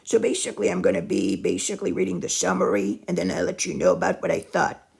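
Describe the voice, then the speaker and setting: A man giving a casual book review to his viewers, his husky, gravelly voice cracking as he talks and clears his throat. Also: sits high, big pitch swings, fast, a little mellow.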